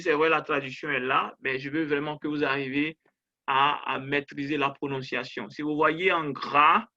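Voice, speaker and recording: Bright-voiced male English teacher. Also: on the high side, dull audio. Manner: drills phrases slowly and repeats them for the listener to echo; encouraging, coaxing. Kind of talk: online pronunciation lesson.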